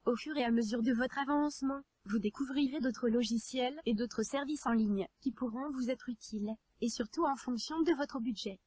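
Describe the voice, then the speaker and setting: A synthetic text-to-speech woman's voice reading scripted tutorial narration in an even, neat, instructional way. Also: a little high, normal speed, hardly any pauses, husky, no room sound. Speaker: narrator of a hobby tutorial video.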